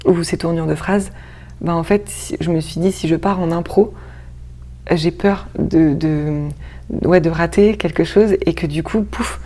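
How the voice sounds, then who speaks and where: A woman's voice: on the low side, steady tone, unhurried, warm tone. A woman actress and stage director talking in a casual interview, searching for her words with frequent restarts.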